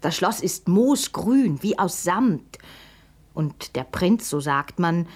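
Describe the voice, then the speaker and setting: A woman's voice: on the low side, animated, slow pace, darkish tone. A woman voicing a princess's musing friend. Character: the princess's thoughtful female friend.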